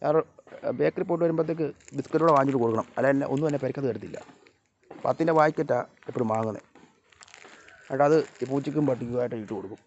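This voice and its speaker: A man filming a casual vlog outdoors around his house, talking softly to viewers and calling out loudly to his cats and dogs. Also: medium pitch, racing, a little hiss or hum. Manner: calls and scolds animals in raised voice, chats softly to viewers. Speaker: vlogger. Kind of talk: casual vlog narration to camera while feeding pets. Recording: slightly dull lo-fi phone audio.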